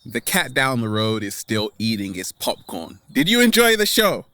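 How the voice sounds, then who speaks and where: The man's mid-range voice swings widely in pitch, bright and forceful, with no room sound but background music underneath. As an online host he performs a motivational monologue to camera, theatrical and exclamatory, dense with catchphrases, drawn-out words and sudden swoops.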